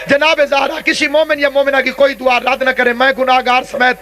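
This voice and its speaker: A man delivers a mourning sermon in a very high, ringing voice. His oratory is impassioned and lamenting, and he slips into chanted verses. The tone is bright and sharp. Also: completely flat delivery. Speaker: preacher. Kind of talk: mourning sermon at a religious gathering.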